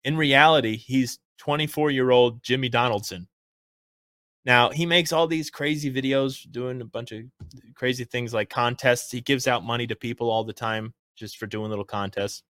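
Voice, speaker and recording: A man's voice: medium pitch, steady tone, moderate pace, fairly bright tone, no room sound, clean studio sound. A man hosting a comedic political news show, giving opinionated commentary in a punchy, jokey way. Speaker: show host.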